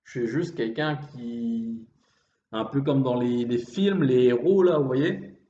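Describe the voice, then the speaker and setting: Homme créole réunionnais au débit lent et hésitant. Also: male voice, medium pitch, warm tone. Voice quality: slightly effeminate voice. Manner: halting, with repeated false starts and trailing phrases; refined way of speaking. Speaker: vlogger. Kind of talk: introspective monologue. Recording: dull, roomy, faint background noise.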